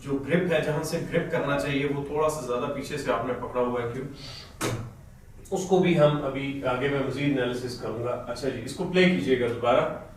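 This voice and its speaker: Echoey, distant coach with a sore throat. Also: male voice, medium pitch, a little hiss or hum. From Pakistan. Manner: patient, explanatory, often asks a helper to play and pause the video. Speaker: snooker coach. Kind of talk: coaching video analysis. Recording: very echoey room, mic at a distance.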